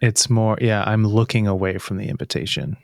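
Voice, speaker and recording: A man in a casual podcast conversation, talking in a calm, thoughtful and measured way. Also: lowish voice, gravelly, background noise.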